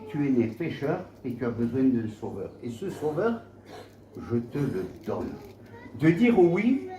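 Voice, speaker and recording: A man with a French accent preaching a sermon in a church, animated, with rhetorical questions and swings from soft asides to raised emphasis. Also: mid-range voice, slight background noise. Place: church hall. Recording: roomy church hall, dull lo-fi sound.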